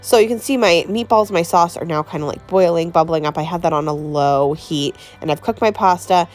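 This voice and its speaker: A woman with a slightly low voice walks viewers through dinner in her home kitchen. She talks in a loose, chatty way and laughs easily, over faint background music. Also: brisk. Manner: chatty, laughs often, says "like" a lot. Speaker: home cooking vlogger and mom. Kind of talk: casual cooking tutorial.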